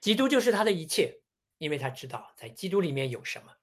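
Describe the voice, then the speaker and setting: A preacher giving a sermon on a Bible passage in a measured, teaching tone, often posing rhetorical questions. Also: mid-range voice, big pitch swings.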